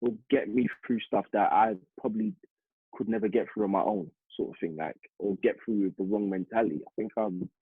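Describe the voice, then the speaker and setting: A young man from East London with a London accent, a football striker telling a lively story in a casual interview. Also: fairly low pitch, brisk, gravelly, breathy edge, no echo. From East London, England. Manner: animated, vivid retelling with acted-out quotes. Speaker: interview guest, semi-pro striker. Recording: muffled phone-like audio.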